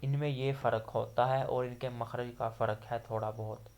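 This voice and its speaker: A man's voice: medium pitch, level tone, darkish tone. A man teaching a Quran recitation class with a Pakistani Urdu accent, patiently explaining each letter sound and drawing out the examples. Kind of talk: slow explanatory lesson.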